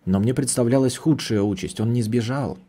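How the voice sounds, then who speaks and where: A man narrates a novel aloud in the first person, the way an audiobook reader would. His voice sits at an ordinary male pitch with a dark, mellow timbre. He keeps the delivery measured and steady from line to line.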